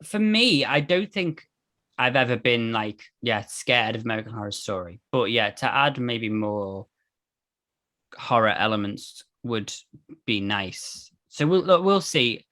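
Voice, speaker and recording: A man's voice: mid-range voice, lively intonation, measured pace, sharp tone. Chatty man reviewing a show. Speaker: podcast co-host. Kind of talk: casual chat.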